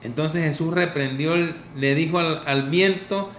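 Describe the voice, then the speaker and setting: A man preaching a sermon as pastor, in an animated, conversational way. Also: fairly high pitch, a little slow, a little hiss or hum. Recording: echoey room with faint ambience.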